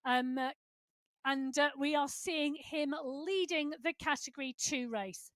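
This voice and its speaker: A woman co-commentates live on an online cycling race in a high voice. She reads out results and rider positions briskly. The sound is dry and close. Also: fairly bright tone, dry recording.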